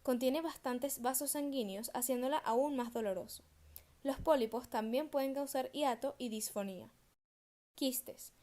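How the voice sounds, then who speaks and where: A young woman reads her research presentation aloud, pronouncing each term with care. Her voice sits a little high, and the delivery is steady and studious. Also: measured pace. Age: young adult. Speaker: student presenter.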